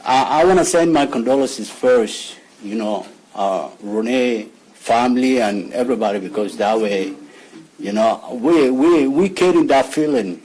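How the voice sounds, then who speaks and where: A man's voice: medium pitch, expressive, a little slow, darkish tone, breathy edge, rough recording. A man with a Somali accent, a father speaking at a press conference, repeating words as he searches for phrasing. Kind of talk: press statement.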